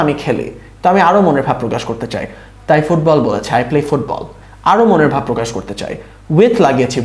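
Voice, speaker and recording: Male English teacher, lively rising and falling pitch, echoing room, patient rhetorical questions. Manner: explains slowly, asks rhetorical questions; switches between Bengali and English. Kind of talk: spoken English lesson. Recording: roomy echo.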